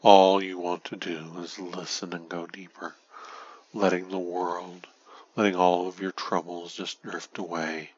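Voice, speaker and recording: A man guiding a hypnosis induction in a slow, soothing, repetitive way that drifts into breathy, whispery phrases. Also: low-pitched, little pitch movement, darkish tone, lo-fi sound.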